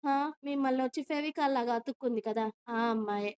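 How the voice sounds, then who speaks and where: A woman voicing a timid, grieving young wife who speaks softly and hesitantly in a storybook telling. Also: sits high, fairly quick, smooth, lightly acted. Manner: soft and hesitant.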